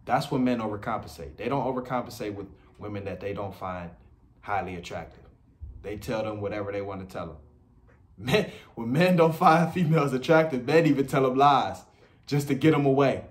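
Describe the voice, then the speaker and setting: A man's voice: medium pitch, lively intonation, fairly quick. Blunt man giving dating advice. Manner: blunt, repetitive, street slang. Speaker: dating commentator. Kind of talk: casual advice monologue.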